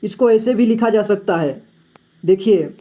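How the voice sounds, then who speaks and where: A man with a high-pitched, dark voice teaches children to read Hindi words at an unhurried pace. It's a slow, patient reading lesson: he spells every word letter by letter and frequently says "ठीक है".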